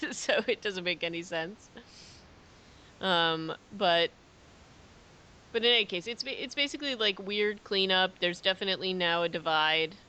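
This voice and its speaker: Female podcast co-host, slightly low bright voice, easy agreeable chat. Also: unhurried, long pauses. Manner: agreeable, brief backchannels and easy recaps. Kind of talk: casual chat.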